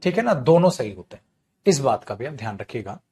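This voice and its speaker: A man's voice: medium pitch, sing-song, brisk, mellow. A man teaching an English grammar class online, scolding and teasing his students as he explains.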